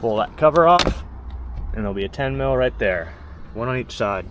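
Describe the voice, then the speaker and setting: Working around a pickup truck, a man gives a plain-spoken, step-by-step how-to for a DIY install. He speaks casually and matter-of-factly in a mid-range voice at a moderate pace, over constant background noise.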